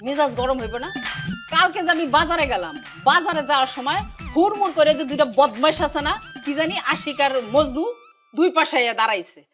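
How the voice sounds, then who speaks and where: An actress playing a quick-tempered, scolding middle-aged mother. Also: lively intonation, fairly bright tone, soft background music. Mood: angry. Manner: scolding, shrill, ranting.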